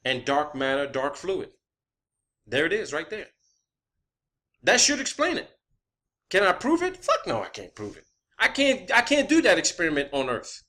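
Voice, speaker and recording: A slightly high-voiced man with a sharp tone and wildly swooping pitch speaks at normal speed with long pauses. As an amateur science vlogger, he gives an improvised, emphatic, profane monologue, repeating words for stress and checking points with questioning tags.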